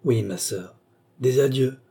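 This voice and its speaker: A man voicing a young army officer who speaks gently and with concern to his sister. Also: medium pitch, slow pace, creaky, husky, heavily acted.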